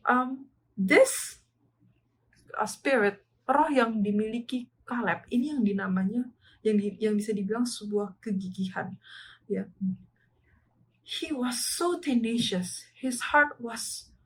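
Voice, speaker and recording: An earnest woman preaches to a church, her voice sitting a little on the high side. She moves between two languages mid-thought and punctuates each point with a short affirming "ya". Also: a bit bright, poor audio. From Indonesia. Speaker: church speaker. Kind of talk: bilingual sermon sharing.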